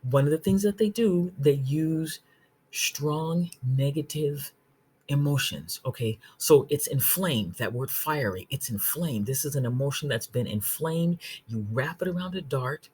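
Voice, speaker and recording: Her voice sits low, animated and darkish with a breathy edge, as this woman teaches an informal Bible study online. She explains verses earnestly, reads scripture aloud slowly, and frequently restarts sentences while asking "okay?"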